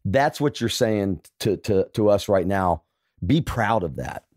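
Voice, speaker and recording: A man's voice: fairly low pitch, expressive, measured pace, darkish tone, dry recording, clean studio sound. A man hosting an interview, asking questions and responding in an encouraging, affirming way. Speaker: host. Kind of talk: interview conversation.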